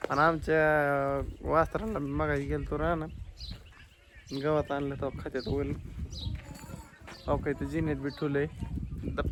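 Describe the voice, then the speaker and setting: A man rambles chattily to his viewers, his voice staying fairly flat in tone. He records on his phone outdoors on a farm at dusk. Clear outdoor noise, animals and birds sit behind him. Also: medium pitch. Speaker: vlogger. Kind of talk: casual vlog chat to camera. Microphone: phone camera.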